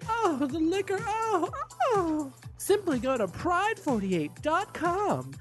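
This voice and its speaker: A gushing, glamorous drag queen delivers a promo in a campy, theatrical way. The voice sits high and swoops freely, with faint music underneath. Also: sing-song, slow pace, full character voice. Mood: gushing, delighted. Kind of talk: scripted promo announcement.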